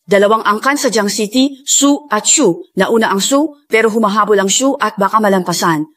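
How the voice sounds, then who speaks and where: A loyal young assistant, voiced by a woman reports in a brisk, even tone. She is respectful and precise. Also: medium pitch, natural voice. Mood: reporting. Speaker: voice actor in a Filipino dub. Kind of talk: dubbed drama acting.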